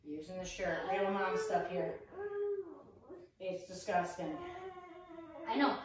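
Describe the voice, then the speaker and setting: A woman's voice: on the low side, fairly even intonation, slow, a crowd in the background. A woman leading a home workout, out of breath, chatty and encouraging while her child interrupts. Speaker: fitness instructor. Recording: echoey room, distant mic, faint noise.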